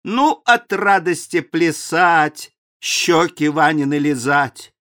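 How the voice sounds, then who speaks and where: A man narrating a children's poem in steady, rhythmic verse. His voice is high and bright, and he takes his time, leaning into every beat. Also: takes it slowly. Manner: rhythmic, expressive verse reading. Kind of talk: reading a children's poem aloud.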